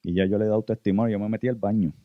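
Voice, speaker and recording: Preaching an earnest testimony in a Puerto Rican Spanish accent, this Puerto Rican man frequently addresses his listeners as brothers. He speaks very fast in a fairly low, steady tone. The audio is narrow and tinny, without echo.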